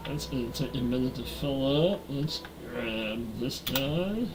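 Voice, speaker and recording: Chatting easily with his live-stream audience while playing a game, a man in his forties speaks through a headset mic in a nasal, medium-pitched voice. He talks a little slowly, and background noise is audible.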